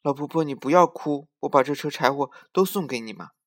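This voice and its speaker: A man voicing a kind, eager little girl in a children's story, speaking gently with a slightly raised pitch. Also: a little fast, natural voice. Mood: comforting.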